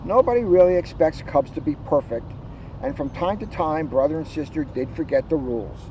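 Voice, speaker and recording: A police officer sits outside reading a storybook to children and explaining it casually. His voice is a little high, animated, and fairly quick, emphatic as he repeats key phrases. The outdoor recording is muffled, with traffic noise.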